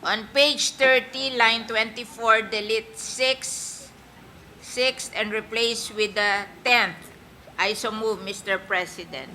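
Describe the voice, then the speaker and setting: Filipino-accented woman, very bright forceful voice, slow formal legislative reading, procedural, noisy session recording. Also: on the high side, fairly even intonation. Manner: deliberate, itemized, procedural. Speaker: senator sponsoring a bill. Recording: noticeable background noise, session hall ambience.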